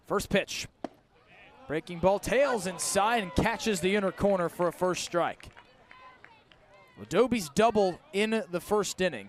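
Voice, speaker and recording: This is a baseball play-by-play announcer, a man with a high voice. He's calling the game live on radio, pitch by pitch.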